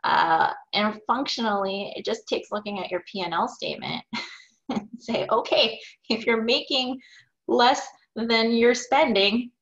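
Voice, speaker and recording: Her voice is a little high, a bit bright, and slightly slow. She is a woman in her forties running a small business, giving upbeat, thoughtful answers with some fillers during a video-call interview from her home office. The webcam recording has a dull, lo-fi quality.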